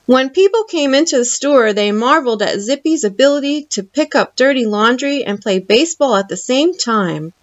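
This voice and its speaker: Woman, storytime reader, picture book aloud, higher voice, expressive, muffled lo-fi audio. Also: normal speed, hardly any pauses. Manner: expressive, lively read-aloud.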